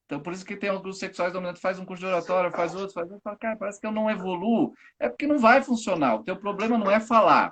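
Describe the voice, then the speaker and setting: A man, a teacher and guest on a live stream, explaining ideas in a casual, lively way and acting out everyday examples. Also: high voice.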